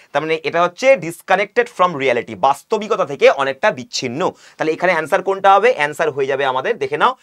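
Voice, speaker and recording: A young man with a Bengali accent gives an exam-prep English lesson in a fairly high voice. He reads each question out slowly, then explains it by asking and answering his own questions. He sounds like an online coaching video. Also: a bit bright. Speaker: English teacher.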